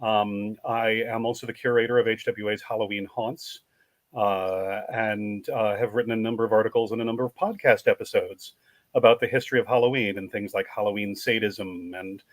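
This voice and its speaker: A man's voice: lowish voice, fairly even intonation, normal speed, no room sound. A man introducing himself as an author on a panel, hesitant with many fillers.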